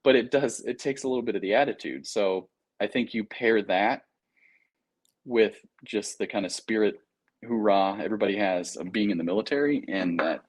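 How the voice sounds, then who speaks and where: Guesting in an interview, an American man who works as an air traffic controller speaks at a moderate pace in a lowish, slightly rough voice. He keeps things casual, telling anecdotes in a slangy, informal way.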